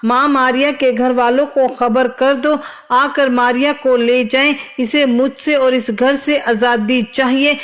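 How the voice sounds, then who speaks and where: A woman's voice: high-pitched, fairly even intonation, unhurried. A woman voicing an unhappy young husband in a storybook, read mildly and plainly. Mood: resigned.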